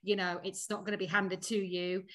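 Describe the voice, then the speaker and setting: A woman's voice: medium pitch, little pitch movement, normal speed. A woman from Sheffield with a Northern English accent, chatting casually as a podcast guest, laughing often and using many fillers. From Sheffield, England. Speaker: podcast guest, company founder. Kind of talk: casual interview chat.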